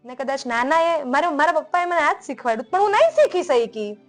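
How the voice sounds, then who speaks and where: A woman's voice: high-pitched, very animated, brisk, faint music behind. A young woman talking casually and emphatically, telling a family story in a podcast conversation. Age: young adult. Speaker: guest speaker, entrepreneur.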